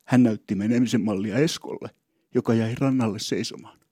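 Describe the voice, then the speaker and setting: A man's voice: lowish voice, fairly even intonation, mellow, husky, dry recording, clean studio sound. A man telling a humorous story about himself in a rambling, wry, mock-solemn way, often stopping and restarting his thoughts. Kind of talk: humorous first-person storytelling.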